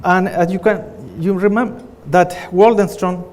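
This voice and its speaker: A man's voice: high-pitched, fairly even intonation, normal speed, a little mellow. A middle-aged man from Chile with a Chilean Spanish accent, giving an earnest conference presentation as a pathologist, with frequent fillers and restarts. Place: conference hall. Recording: reverberant conference hall.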